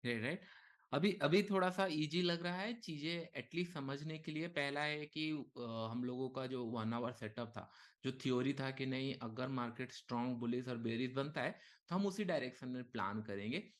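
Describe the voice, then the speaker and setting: A man leading a live market lesson, talking casually and thinking aloud, with frequent okays and short pauses. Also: medium pitch. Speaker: trading instructor. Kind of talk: live market teaching session.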